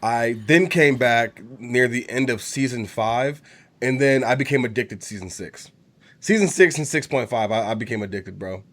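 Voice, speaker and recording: A man's voice: mid-range voice, normal speed, fairly bright tone. Young man, congested from a cold, casual rant, profane, rambling, heated. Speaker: gaming channel host.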